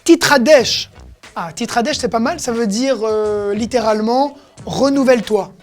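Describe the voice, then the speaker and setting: A woman with a fairly high voice teaches vocabulary in a relaxed, chatty way. She explains each word patiently and acts out the phrases, with faint music playing behind her. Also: normal speed. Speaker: Hebrew teacher. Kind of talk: casual vocabulary lesson.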